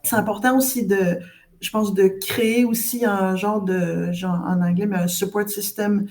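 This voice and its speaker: Québécoise d'âge moyen au ton moyen, causante et hésitante, en balado. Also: female voice, mid-range voice, fairly even intonation, measured pace. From Quebec. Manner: warm, chatty, many hesitations. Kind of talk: casual podcast conversation.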